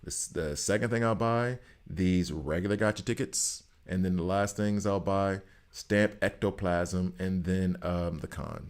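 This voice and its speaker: A man's voice: sits low, a little mellow. A man from Alabama with a Southern US accent gives casual game commentary to viewers, repeating phrases for emphasis. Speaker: gaming content creator.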